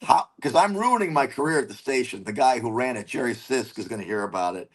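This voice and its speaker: Husky guy telling a wild story, swears a lot, acts out what he said. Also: mid-range voice, fast. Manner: animated, swearing, acts out his own lines. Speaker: comedian guest. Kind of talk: storytelling in a casual interview.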